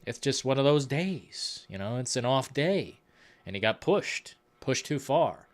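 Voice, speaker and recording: A man hosting a live stream, chatting casually about films in a rambling, profane, excitable way. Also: medium pitch, a little slow.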